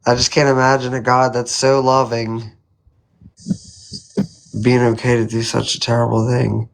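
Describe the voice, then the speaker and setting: A man's voice: mid-range voice, monotone, normal speed, creaky, slight background noise, rough recording. A man hosting a casual live chat, talking in a hesitant, rambling, colloquial way. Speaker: live stream host.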